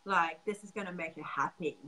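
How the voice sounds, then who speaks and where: A woman's voice: lowish voice, a little fast, bright, forceful tone, a little hiss or hum, poor audio. A woman hosting a casual chat as a sex coach, laughing often and swearing casually.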